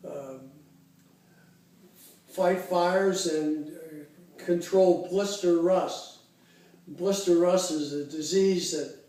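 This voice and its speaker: A man in his eighties from Cincinnati, Ohio, recalling his life in an interview, unhurried and halting with many fillers. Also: fairly high pitch, dark tone. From Cincinnati, Ohio, USA. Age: 80s. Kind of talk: casual oral history interview. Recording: very echoey room, voice far from the mic.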